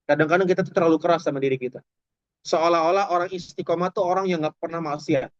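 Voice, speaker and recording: Speaking directly to listeners, an Islamic preacher offers a lighthearted, talkative sermon in a slightly high voice. There's no room sound, and the lo-fi recording comes across dull and dry.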